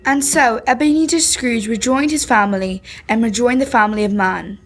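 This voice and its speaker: A woman's voice: fairly high pitch, moderate pace, soft background music. A young woman narrating a classic story in scripted old-time radio drama style. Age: teenager.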